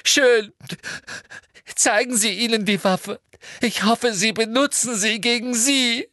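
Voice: medium pitch, fairly even intonation, measured pace, sharp tone, no room sound, clean studio sound, pitched above the performer's own voice. A reader voicing a teenage schoolgirl in an audiobook, who sobs, whines and stammers. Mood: sobbing. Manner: sobbing, stammering and whiny. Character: sobbing, whining teenage schoolgirl. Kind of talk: audiobook character voice.

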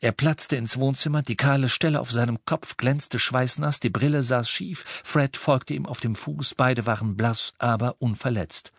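A man narrating an audiobook in a calm, measured way. His mid-pitched voice is recorded close and dry. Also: gravelly, no echo. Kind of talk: scripted narration.

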